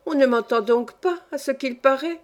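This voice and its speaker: A woman's voice: high voice, moderate pace, close to an everyday voice. A woman reading a story aloud, voicing an imperious, capricious old countess who scolds and gives orders in a peevish, querulous way.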